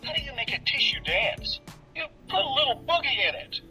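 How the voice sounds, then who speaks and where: A woman streamer telling dad jokes through a voice changer filter that lowers her voice, with a flat punchline delivery. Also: a little fast, soft background music, exaggerated voice. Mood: deadpan. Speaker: VTuber streamer.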